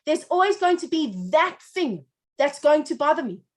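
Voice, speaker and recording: Woman, teacher, high voice, expressive storytelling, dramatic pauses. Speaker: rebbetzin teaching a class. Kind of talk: storytelling lesson.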